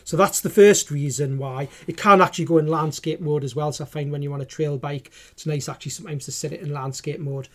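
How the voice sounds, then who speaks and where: A man's voice: on the high side, steady tone, fast, few pauses. A man with a Geordie accent, co-hosting a podcast and explaining gear in a practical, casual way. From North East England. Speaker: podcast co-host, GPS trainer. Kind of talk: casual product chat.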